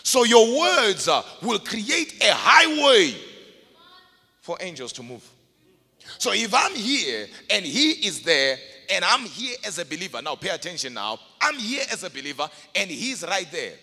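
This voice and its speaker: Emphatic preacher in a reverberant hall. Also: male voice, high-pitched, wildly swooping pitch, moderate pace, sharp tone. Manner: emphatic, calls for congregation responses. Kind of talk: sermon. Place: church hall.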